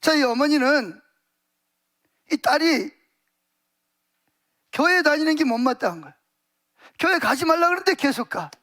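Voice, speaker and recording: A man's voice: very high-pitched, expressive, normal speed, long pauses, sharp tone. A male pastor preaching a sermon in a church, telling stories vividly with many emphatic fillers.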